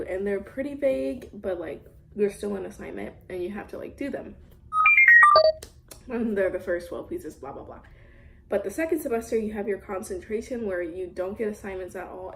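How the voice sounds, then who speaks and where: A young woman in her late teens with a sore throat, chatting casually and softly at home while she eats. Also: mid-range voice, a little hiss or hum, poor audio. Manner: talking softly while eating. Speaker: art student vlogger. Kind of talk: casual chat.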